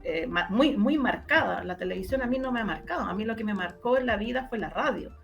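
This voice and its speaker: The lo-fi recording catches a woman with a Chilean Spanish accent, her medium-pitched voice creaky, animated and a little fast, with faint music underneath. She's an interview guest and radio drama producer, casually reminiscing and repeating words to drive points home.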